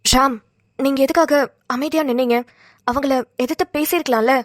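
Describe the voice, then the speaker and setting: A woman's voice: high voice, moderate pace, no room sound, studio quality, close to an everyday voice. A woman voicing a bold, caring young woman in a cartoon, firm and encouraging. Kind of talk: cartoon voice acting.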